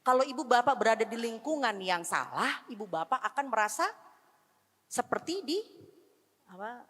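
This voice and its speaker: A woman preaching a revival sermon, emotional, swinging between loud pleas and hushed tones, mixing in English words. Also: on the high side, lively intonation, moderate pace. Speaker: seminar speaker. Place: church hall. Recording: long hall reverb.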